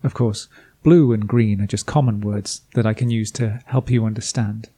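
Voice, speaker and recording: Low husky game master narrating. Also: male voice, steady tone, normal speed, warm tone. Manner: dry, self-deprecating asides. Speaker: game master and podcast host. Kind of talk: scripted narration of a tabletop campaign recap.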